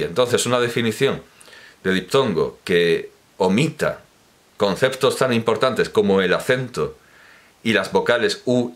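Deep-voiced man, pedantic lecturing monologue, corrective tone, hesitant restarts. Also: fairly bright tone. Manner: lecturing, didactic explanation. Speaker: commentator on language teaching. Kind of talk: spoken monologue, opinion talk.

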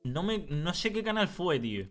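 Young Canarian streamer with a teasing manner. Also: male voice, high voice, soft background music. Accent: Canarian Spanish. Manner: animated teasing storyteller, quick mood swings. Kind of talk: casual chat while gaming.

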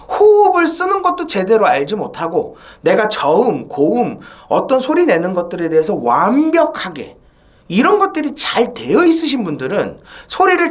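A woman teaching a saxophone video lesson, asking rhetorical questions and filling pauses with short "uh" sounds. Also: medium pitch. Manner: asks rhetorical questions, many "eo" and "mwo" fillers.

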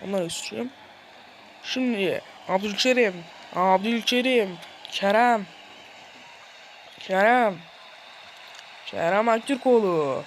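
A gamer with a sore throat commentates their own football video game match in playful mock-commentator style, excitably shouting at the players. The voice is medium-pitched and slow with frequent pauses, and there's a little hiss or hum.

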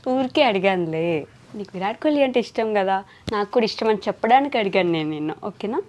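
A woman's voice: mid-range voice, expressive, fast talker, a little mellow. A young adult woman interviewing a young guest in a playful, teasing way. She chats loosely and laughs often.

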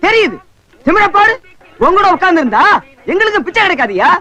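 A man's voice: very high voice, big pitch swings, quick pace, bright, forceful tone, heavily acted. An actor playing a bossy man among the beggars, scolding and lecturing the others in a film comedy scene.

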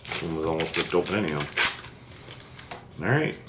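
Sorting collectibles at a wooden table in a room, a middle-aged American man opens vintage sports card packs for his vlog, keeping up a casual commentary with playful asides. He speaks in a low, animated voice at a brisk pace. Roomy echo, background hiss, and handling clicks come through on the recording.

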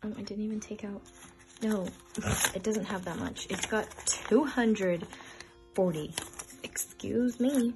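A woman's voice: mid-range voice, slow pace, pauses often. A woman in her twenties chatting casually as she counts bills aloud and stuffs budget envelopes, getting flustered now and then. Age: 20s. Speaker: budgeting vlogger. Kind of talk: casual cash-stuffing vlog. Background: background music.

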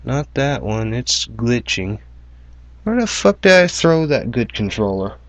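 A man hosts a video demo of homemade game hardware from a cluttered room at home, rambling casually and bluntly with some swearing. His medium-pitched voice is sing-song and a little slow, with no room sound, though the camera mic's distance varies and the recording is noisy with clicks.

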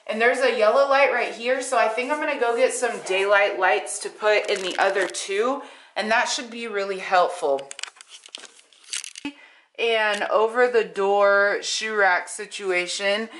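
A woman's voice: medium pitch, fairly even intonation, unhurried, fairly bright tone, reverberant, a little hiss or hum. A young woman chatting casually to camera in a home vlog, rambling a little with fillers and restarts. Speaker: YouTuber. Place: home room with bare walls.

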